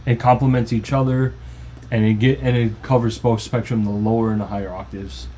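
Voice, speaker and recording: A man's voice: lowish voice, level tone, fairly quick, dark tone, a little hiss or hum. Casual man walking through his track. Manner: loose, informal explaining with restarts. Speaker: music producer. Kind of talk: casual tutorial walkthrough. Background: faint music playing.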